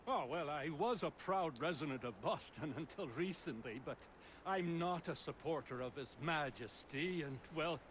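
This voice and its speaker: An actor playing a polite, grateful colonial woodworker in a video game, speaking in formal period phrasing. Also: male voice, fairly high pitch, animated, normal speed, a little hiss or hum, lightly acted. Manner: courteous, formal period speech.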